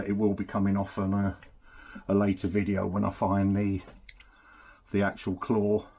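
The audio is dull, and the scooter mechanic's voice is on the low side and slightly rough. Working at an indoor bench on a rebuild, he chats in a relaxed manner as his hands do the job, with the camera set on the bench and him standing beside it rather than in front.

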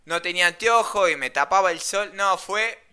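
A young man with an Argentine Rioplatense accent, casually telling a slangy, animated anecdote. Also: high-pitched, normal speed, smooth. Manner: animated, slangy, laughs mid-story. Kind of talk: casual storytelling.

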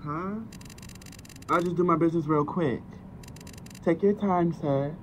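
A man streaming a game, talking loudly and joking with constant profanity while voicing characters. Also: fairly high pitch, measured pace, slight background noise. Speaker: gaming streamer. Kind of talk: casual gaming chat with voice acting.

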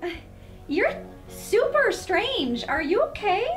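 A well-meaning, bemused princess sister in a kids' comedy skit. Her voice is very high, girlish and animated, with music clearly playing behind. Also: slow, heavily acted. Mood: puzzled. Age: young adult. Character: perky, puzzled young princess, a well-meaning younger sister. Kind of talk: children's costume comedy skit acting.

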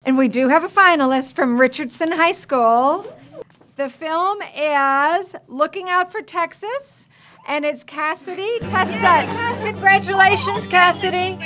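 A woman representing a sponsoring company announces the finalists of a student film contest to high school classes, sounding upbeat and congratulatory.

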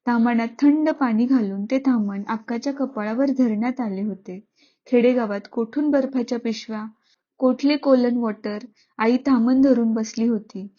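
A woman's voice: a little high, dark tone, highs cut off. A woman reading a story aloud as narrator, in an earnest and reflective way.

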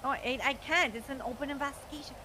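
A woman's voice: high voice, fairly even intonation, fast talker, sharp tone, a little hiss or hum, rough recording. A woman playing a wry, patient detective granddaughter in casual improvised online role-play.

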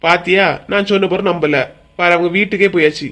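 A woman with a Kanyakumari Tamil accent playing Selva, a calm and sensible village woman in a cartoon comedy. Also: lowish voice, brisk, natural voice.

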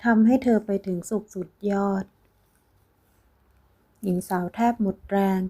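Mellow-voiced woman reading a story. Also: medium pitch, fairly even intonation, a little slow. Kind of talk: scripted story narration.

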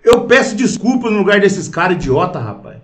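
An indignant man with a Brazilian Portuguese accent delivers a slow, repetitive rant, dropping swear words and calling everyone "cara." His voice sits high for a man. It rings around an echoey room. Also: very animated, fairly bright tone, a little hiss or hum. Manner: indignant, profane, keeps saying "cara". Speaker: political video commentator. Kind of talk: angry rant to camera.

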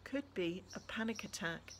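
A woman reading the lines of a calm, patient adult woman who speaks softly and reassuringly. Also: medium pitch, moderate pace, slight background noise, lightly acted.

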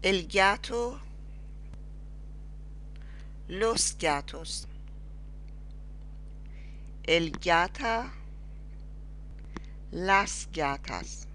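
A woman with as her teaching a beginners' lesson, halting and repeating words slowly. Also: fairly low pitch, animated, bright, forceful tone, a little hiss or hum. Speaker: language teacher. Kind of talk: slow screen-recorded lesson.

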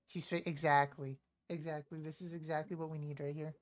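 A woman streaming a live game, trash-talking playfully, apologizing to teammates and suddenly yelling when a play goes wrong. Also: deep voice, flat delivery, a little fast, soft background music. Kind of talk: live gameplay commentary.

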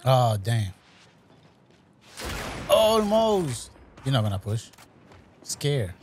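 A man's voice: medium pitch, unhurried, slight background noise. A man casually commenting on his own gameplay, talking to the opponents as he plays. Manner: relaxed, talks to opponents while playing. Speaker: gaming commentator.

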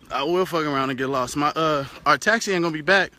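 A young American man vlogs casually while riding his bike on a rural road, loose and chatty and swearing offhandedly. His voice is on the high side with a sharp tone, recorded on a phone held at arm's length as cars pass by.

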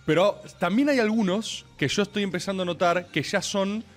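Speaking high at normal speed, an Argentine host in his thirties trades casual banter on his streaming show. He gets animated and insistent, hammering the same point and repeating himself.

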